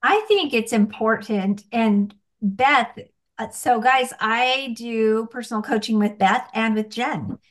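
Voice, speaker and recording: Woman in her 40s, slow halting talk, lots of restarts, kinda high voice. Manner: halting, restarts, laughs often. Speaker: guest, coaching client. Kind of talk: casual faith-based chat.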